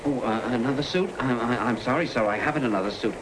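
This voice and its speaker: Actor as a stammering 1930s screwball sidekick. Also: male voice, mid-range voice, fast, lightly acted. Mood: sheepish. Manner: stammering screwball comedy banter. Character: bumbling, eager-to-please crook's sidekick. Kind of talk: 1930s screwball film acting. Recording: noisy old 1930s film soundtrack.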